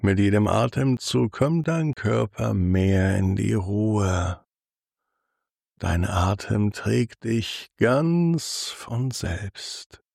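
A man narrating a guided sleep meditation as host, in a soothing, hushed manner with long pauses. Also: lowish voice, animated, vocal fry, no room sound, studio quality.

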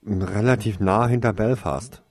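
A man voicing a calm, easygoing young wizard boy with a dry manner. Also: fairly low pitch, measured pace, no echo. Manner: relaxed, dry.

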